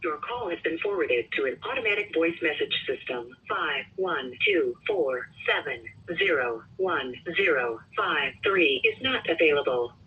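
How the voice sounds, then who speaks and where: A man's voice giving a recorded answering machine greeting in slow, formal phrasing. It plays from a phone speaker and is picked up from a distance. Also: fairly high pitch, animated, slightly rough. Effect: automated voicemail greeting over a phone speaker. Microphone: phone on speaker, picked up by a room mic. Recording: muffled phone audio, heard from a distance.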